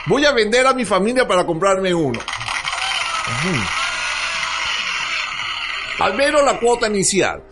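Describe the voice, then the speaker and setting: A man hosting a comic news segment, cracking playful deadpan jokes. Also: sits high, fairly quick, hardly any pauses. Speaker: comedy show host. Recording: music playing underneath.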